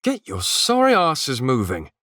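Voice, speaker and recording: Narrator does a crude young captain, raised pitch, bossy and gruff, dry sound. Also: male voice, sing-song, a little slow, dry recording. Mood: commanding. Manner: barking orders, coarse.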